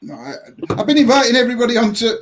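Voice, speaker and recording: A man's voice: extremely high pitch, sing-song, rapid-fire. A man co-hosting a live stream in casual chat. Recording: noisy live stream with clicks.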